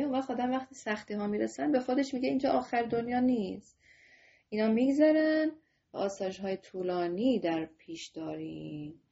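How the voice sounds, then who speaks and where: A woman's voice: medium pitch, gravelly, dark tone, highs cut off. A woman teaching a religious lesson to children on a video call. She talks straight to her students and asks them questions. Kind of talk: online class to children.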